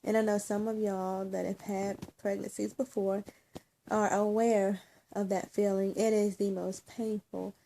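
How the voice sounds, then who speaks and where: A woman talking in a casual personal vlog, emotional and teary, halting with many ums and restarts. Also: mid-range voice, level tone, vocal fry, warm tone, slight background noise. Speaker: vlogger.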